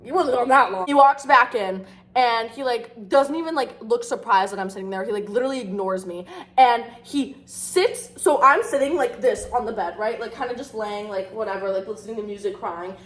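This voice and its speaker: A young woman talks straight to her audience in a casual storytime vlog. Her voice sits a little high, and she rambles with constant fillers and pokes fun at herself as she goes. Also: brisk. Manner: rambling, filler-heavy, self-mocking. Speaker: vlogger.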